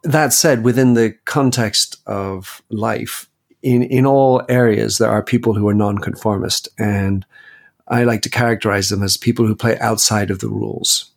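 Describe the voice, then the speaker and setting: A man's voice: fairly low pitch, steady tone, normal speed, vocal fry. A man in his fifties, a guest and author, telling his life story in a reflective interview. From Belgium. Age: 50s. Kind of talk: interview conversation.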